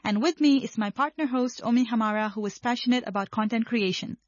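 A woman's voice: on the high side, fast talker, no room sound. A woman from Hong Kong, a young adult, hosting a radio interview with upbeat scripted introductions. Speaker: radio host. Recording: dry, slightly muffled radio broadcast.

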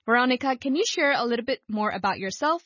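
Woman radio host, fairly high voice, dry dull lo-fi broadcast sound. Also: lively intonation, fast, a bit bright, no echo. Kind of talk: scripted radio hosting and interviewing.

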